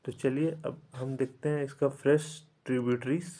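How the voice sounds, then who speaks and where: A man teaching an exam-prep geography lesson, speaking slowly and repeating terms so they can be memorized, mixing in English words and often saying "theek hai". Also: medium pitch, fairly even intonation, mellow. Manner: repetitive drilling, frequent "theek hai" fillers; slow, deliberate recitation for memorizing.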